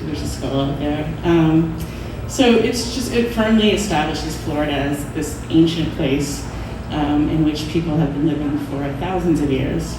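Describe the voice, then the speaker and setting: A woman's voice: sits low, measured pace. A woman panelist speaking in a chatty way and laughing easily. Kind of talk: panel talk. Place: gallery event space. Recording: echoey room, distant mic, some noise.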